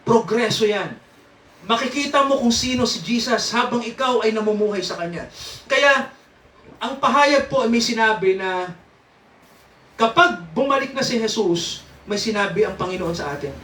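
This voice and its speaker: A male preacher with a high, bright voice teaches in a chatty, interactive style at normal speed, questioning the congregation with frequent "no?" and "sir." He chuckles often while explaining the Bible. The sound is roomy and echoey, with the mic at a distance.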